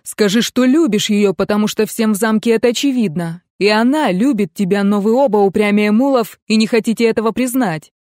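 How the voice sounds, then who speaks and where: A woman's voice: medium pitch, a little fast, few pauses, a little mellow, dry recording, clean studio sound, lightly acted. A woman reading the part of a man, the laird's earnest younger brother, pleading urgently in a raised voice in an audiobook.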